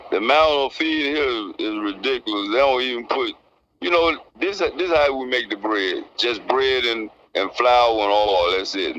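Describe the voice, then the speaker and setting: Man, early sixties, Alabama Southern accent, plainspoken interviewee; bright, forceful edge on a noisy line. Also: mid-range voice, dull audio. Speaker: interviewee, prison inmate. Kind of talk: casual interview answers, recounting experience.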